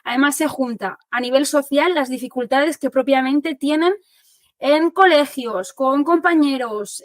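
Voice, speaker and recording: Spanish woman occupational therapist, high voice, animated explainer. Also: dry recording. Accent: Spanish from Spain. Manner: animated, explanatory, acts out quotes. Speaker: occupational therapist giving a talk. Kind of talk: informal talk to families.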